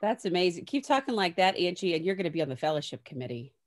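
A woman's voice: fairly low pitch, big pitch swings, fast. A young woman hosting a video call conversation in an encouraging, playful way. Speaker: host.

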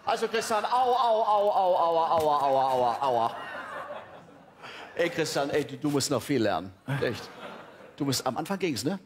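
An actor playing a vain, dim-witted male TV show host in a stage cabaret, boastful and patronizing, with sudden loud outbursts. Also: a little high, sing-song, brisk, noisy background. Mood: mocking.

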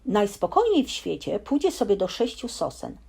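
A woman reading a bedtime story aloud in a lively, expressive storytelling manner. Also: mid-range voice, normal speed, gravelly, slightly rough.

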